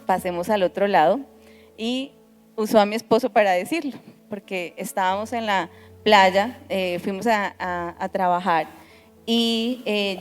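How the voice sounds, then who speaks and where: A woman shares a testimony from the stage, telling her story in an animated way and often restarting her sentences. Her voice sits at a middle pitch and carries a long hall reverb. Soft music plays behind her. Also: clean tone. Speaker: pastor. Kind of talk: testimony at a church service.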